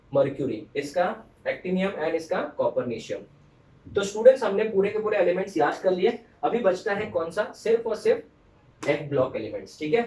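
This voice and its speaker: A man teaching chemistry in a lecture, repeating memory tricks slowly and asking students to say them with him. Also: on the high side, darkish tone, reverberant, far from the mic, poor audio. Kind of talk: Hindi classroom lecture with mnemonics.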